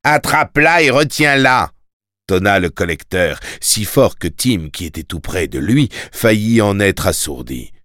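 A man reading an audiobook in measured, expressive storytelling narration. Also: low-pitched, no room sound, clean studio sound.

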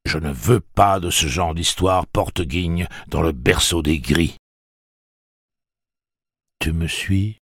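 A man's voice: very deep voice, very animated, slow pace, creaky, pauses often, fairly bright tone, slightly rough, no room sound, clean studio sound, exaggerated voice. Man voicing a sneering, menacing gang boss. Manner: sneering, mocking threats. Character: menacing sadistic adult male gang boss. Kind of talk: audiobook character voice.

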